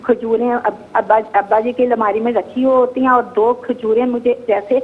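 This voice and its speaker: A woman's voice: fairly high pitch, flat delivery, slightly rough. A woman from Pakistan calling in by phone, rambling through her dream and often correcting herself. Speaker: caller. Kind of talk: telling a dream over the phone. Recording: muffled phone call.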